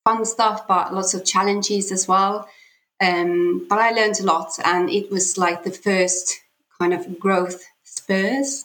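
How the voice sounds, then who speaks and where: A woman's voice: mid-range voice, a bit bright, poor audio. Hesitant Finnish-accented woman in her forties. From Finland. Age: 40s. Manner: hesitant, many fillers and restarts. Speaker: podcast guest. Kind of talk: casual interview talk.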